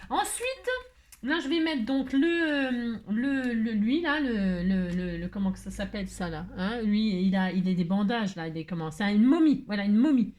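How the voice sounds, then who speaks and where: A woman's voice: medium pitch, expressive, normal speed, a little mellow. A woman hosting a casual crafting tutorial, chatty and playful, joking as she works. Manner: chatty, playful, full of filler tags. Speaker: craft video host.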